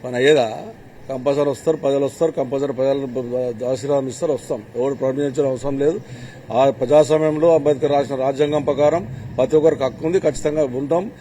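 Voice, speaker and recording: A man's voice: mid-range voice, steady tone, fast, warm tone. An older man, a politician, answering a reporter's questions emphatically and repeating his points, with rhetorical questions. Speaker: MLA interviewed by a reporter. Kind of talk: interview answers on camera. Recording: faint ambient noise.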